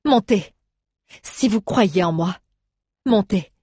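A woman's voice: fairly low pitch, a little slow, husky, dry recording, studio quality, voice pushed up. A woman voicing a bold, reckless young girl heroine who speaks with urgent coaxing in a storybook. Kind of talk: storybook narration.

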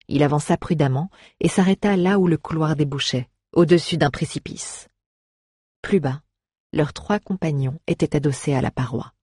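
A narrator reads a fantasy tale in an even, measured manner at a mid pitch. The voice is husky and breathy, captured close on a dry, dead mic. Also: no echo. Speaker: audiobook narrator. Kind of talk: scripted narration.

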